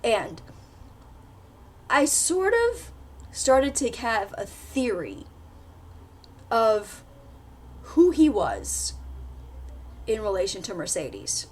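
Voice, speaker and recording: A woman's voice: on the high side, wildly swooping pitch, drawn-out words, long pauses. A woman book vlogger in casual chat, retelling a plot animatedly with lots of fillers.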